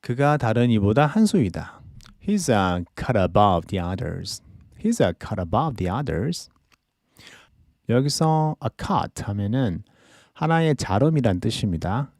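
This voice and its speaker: Man, English teacher, podcast lesson, slow, mellow, dry close sound. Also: medium pitch, no echo. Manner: explains idioms slowly, switching to careful English readings.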